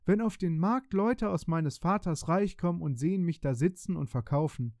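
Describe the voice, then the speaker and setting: A man's voice: fairly high pitch, normal speed, a little mellow, no room sound, clean studio sound, voice pushed up, natural voice. A man reading a fairy tale aloud, voicing a proud young princess who grows plaintive and fearful. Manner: raised, plaintive voice.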